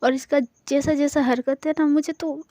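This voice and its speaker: A woman's voice: high voice, steady tone, moderate pace, dark tone, dry recording, studio quality, close to an everyday voice. A woman voicing a dramatic young woman who keeps begging her best friend for help. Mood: pleading. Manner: whiny and begging, repeats please. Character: pleading, dramatic young woman, hates being pursued.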